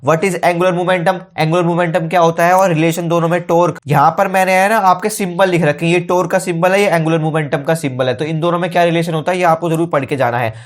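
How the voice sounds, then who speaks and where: A young man rattles through exam tips at a very fast clip. His voice sits a little high for a man, and his tone is casual and brotherly. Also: fairly even intonation. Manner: brisk, informal, keeps saying brother and okay. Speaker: teacher.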